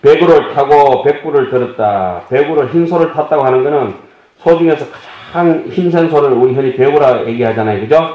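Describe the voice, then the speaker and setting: A man's voice: a little high, a little fast. A man giving a Buddhist dharma lecture, explaining terms and asking his listeners questions with folksy humor. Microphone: table microphone. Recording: dull echoey hall audio.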